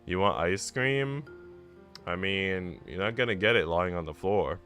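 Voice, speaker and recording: A man on a live stream alternates between casual chat with his viewers and reading story text aloud, with music playing behind him. His voice sits low, moves a little slowly, and has a fairly bright tone.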